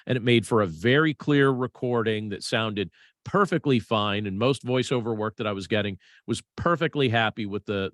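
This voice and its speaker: A man talking through practical voiceover tips in a conversational, measured way. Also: mid-range voice, fairly bright tone, no room sound, clean studio sound. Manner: conversational, measured, with fillers and restarts. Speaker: voiceover instructor. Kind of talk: casual instructional talk.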